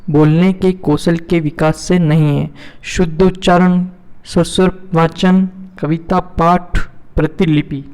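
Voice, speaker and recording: A man's voice: a little high, a little mellow. A male teacher going through multiple-choice exam questions, repeating each question and then answering it himself. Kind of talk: exam-prep lesson, reading out and explaining multiple-choice questions. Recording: hall reverb.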